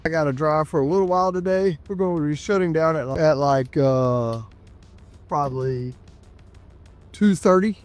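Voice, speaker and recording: A man with a somewhat high, nasal voice, congested and under the weather, talks casually to his viewers. He sounds like an everyday folksy trucker walking them through his routine, with a little music behind him. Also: moderate pace. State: sick with a cough and congestion. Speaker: trucker vlogger. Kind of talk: casual vlog chat to viewers.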